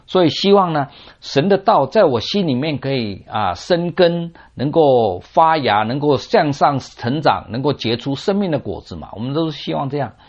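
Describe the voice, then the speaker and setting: A man gives a sermon in a teaching tone, stretching out his sentence particles and posing questions he then answers. His pitch rises and falls with lively movement. The recording is muffled and dull. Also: moderate pace. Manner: asks and answers his own rhetorical questions. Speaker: preacher. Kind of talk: sermon expounding a scripture parable.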